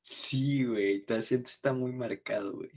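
A man's voice: mid-range voice, fairly even intonation, moderate pace, darkish tone. A man with a Mexico City accent hosting a podcast in laid-back, slangy chat. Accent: Mexico City Spanish. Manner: laid-back, slangy, peppers speech with "güey". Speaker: podcast host. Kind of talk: casual chat.

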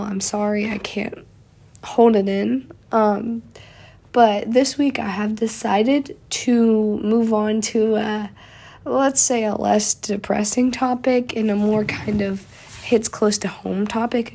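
This young woman sounds creaky, dark, and slightly rough at a medium pitch, a bit stuffy from a cold. Hosting a solo podcast, she keeps things casual and chatty, leaning on lots of fillers.

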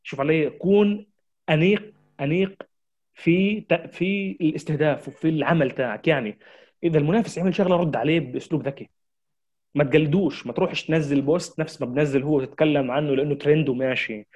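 Fast-talking man lecturing. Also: on the high side, darkish tone, dull audio. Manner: urgent, repetitive exhortations, addresses listeners directly. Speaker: marketing trainer. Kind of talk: lecture to an audience.

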